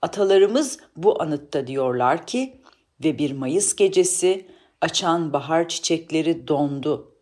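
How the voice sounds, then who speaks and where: A woman's voice: low voice, lively intonation, a little slow, darkish tone. A woman reading a play script aloud, reading character names and stage directions. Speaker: play reader.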